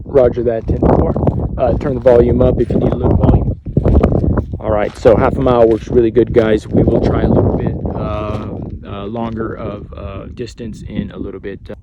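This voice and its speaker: A man reviewing gadgets chats casually during a hands-on demo, speaking at normal speed in a fairly low pitch with flat delivery. The sound is lo-fi, recorded on very noisy amateur camera audio.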